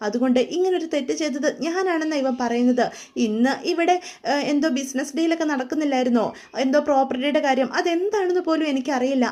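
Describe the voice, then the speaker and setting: A woman's voice: high voice, fast, a little mellow, lightly acted. A woman voicing a defiant, scheming young wife who taunts her husband and fakes tearful distress. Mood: pleading. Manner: taunting, then wailing in mock distress.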